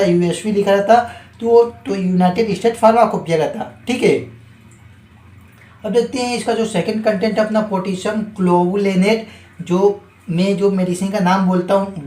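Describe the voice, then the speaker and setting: A man's voice: sits high, a little mellow, reverberant, poor audio. A man teaching pharmacy in a casual spoken lesson, often stumbling over words and correcting himself. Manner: halting, frequent self-corrections and filler checks.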